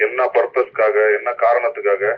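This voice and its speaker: A man's voice: mid-range voice, little pitch movement, moderate pace, husky. A man, a senior police officer, giving stern scolding commands over a police walkie-talkie. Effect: heard over a police walkie-talkie. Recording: muffled police radio recording.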